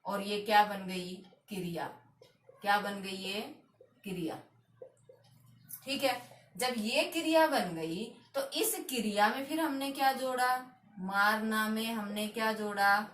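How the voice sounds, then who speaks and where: A woman teaching a grammar lesson, drilling each word slowly and answering her own questions on her words. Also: medium pitch, fairly bright tone. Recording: echoey room, voice from a distance.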